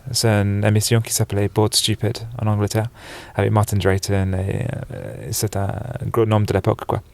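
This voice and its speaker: A man's voice: lowish voice, moderate pace, vocal fry, a little mellow, no room sound. Englishman speaking French with hesitant fillers. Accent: English with a slight American touch, speaking French. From England. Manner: hesitant, many "euh" fillers, laughs easily. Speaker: interview guest, snowboard shop buyer. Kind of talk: casual interview chat. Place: sofa in a dark exhibition hall.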